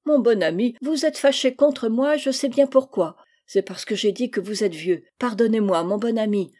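A woman's voice: fairly high pitch, moderate pace, dark tone, pitched above the performer's own voice, close to an everyday voice. A woman voicing a spoiled, sly little girl in a storybook reading, petulant and wheedling.

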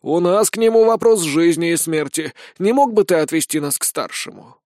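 A bossy old granny demolitionist barks short, slangy orders, voiced by a male audiobook reader. The voice sits high and keeps a dry, close sound with no room around it. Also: normal speed, a little mellow, no echo, lightly acted. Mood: stern. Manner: curt, commanding, slangy.

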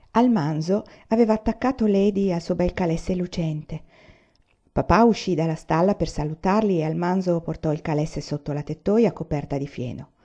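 A woman reading a novel aloud, gently voicing the characters with small lifts in pitch. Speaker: audiobook reader. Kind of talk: read-aloud novel narration. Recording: dull lo-fi recording.

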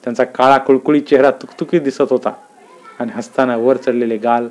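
A man narrating a rural drama story in a vivid, expressive reading voice. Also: mid-range voice, a little fast.

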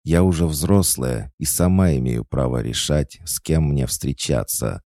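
A man's voice: rumbling low, unhurried, mellow, dry recording, clean studio sound, pitched above the performer's own voice. A man voicing an irritable older witch who scolds her daughter in an audiobook. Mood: angry. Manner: scolding, indignant. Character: stern older witch mother, irritable and proud. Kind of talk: audiobook character voice.

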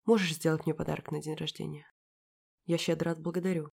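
A woman's voice: low voice, little pitch movement, quick pace, gravelly, darkish tone, slightly rough, full character voice. Woman reading a sneering cold young man. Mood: taunting. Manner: sneering, cutting. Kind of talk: audiobook character reading.

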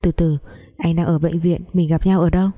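A woman voicing a guilt-ridden young man who speaks softly and slowly to calm his lover. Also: lowish voice, lightly acted. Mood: soothing.

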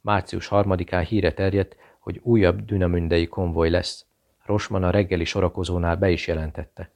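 A man reading a novel aloud as an audiobook narrator, in a steady, measured delivery. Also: deep voice, creaky.

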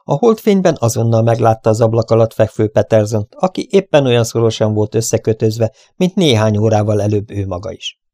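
A man reading an adventure story aloud in a steady storytelling manner. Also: lowish voice, dry recording, clean studio sound. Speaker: audiobook narrator. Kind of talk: scripted adventure narration.

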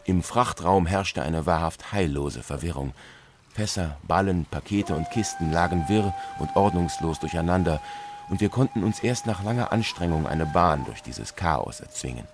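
A man's voice: low voice, expressive, moderate pace, background noise. A man narrating a sea adventure in the first person with a dramatic storyteller's delivery.

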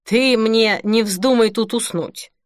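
Brief: woman narrator as a weary young woman, grumbling, flat, deadpan answers. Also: mid-range voice, measured pace, no room sound, studio quality. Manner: flat, grumbling, muttered replies. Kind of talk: audiobook character reading.

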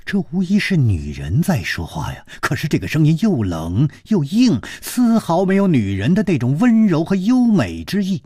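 Male storyteller, dramatic traditional storytelling, very animated pitch, slow, dry close sound. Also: husky, dry recording. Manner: dramatic, expressive narration with wide swings.

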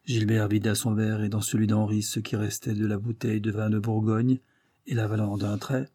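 A man narrating a classic novel as an audiobook with steady storytelling. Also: fairly low pitch, normal speed, dry recording, clean studio sound.

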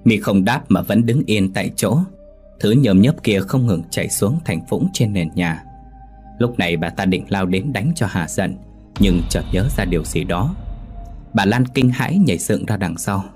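A man reads a scripted horror story. His voice sits very low, and his delivery stays steady, measured and grave. Soft music plays faintly behind him.

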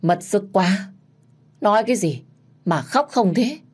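A woman's voice: mid-range voice, expressive, unhurried, darkish tone, slightly rough, voice pushed up. A woman voicing an older female village shaman who gives stern, instructive warnings. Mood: weary.

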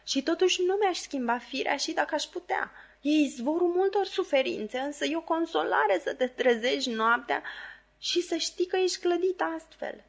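A woman's voice: high voice, animated, vocal fry, voice pushed up. A woman reading an audiobook, voicing Camila, a fragile, self-pitying lady who sighs and drags out her complaints. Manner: plaintive, sighing, drawn-out.

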